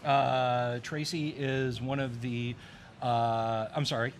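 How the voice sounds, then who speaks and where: A man's voice: medium pitch, little pitch movement, slow pace, a little hiss or hum. A man appearing as a regular podcast guest, talking casually with lots of hesitant fillers and self-deprecating jokes. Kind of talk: casual chat. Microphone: headset mic.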